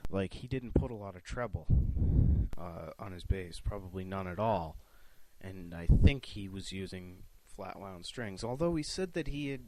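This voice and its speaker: A young man answering viewer questions in a casual vlog, rambling and profane with many restarts. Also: lowish voice. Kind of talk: casual chat.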